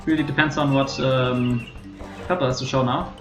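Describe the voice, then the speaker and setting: Male esports caster, German accent, conversational and a touch hesitant, medium pitch, echoey room with music underneath. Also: steady tone, moderate pace. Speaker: streamer and game caster. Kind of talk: live esports commentary. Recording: roomy echo, music behind.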